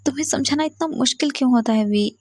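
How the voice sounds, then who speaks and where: A woman's voice: sits high, quick pace, dark tone, no room sound, pitched above the performer's own voice. A woman voicing a patient young man who pleads and soothes his angry partner. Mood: pleading.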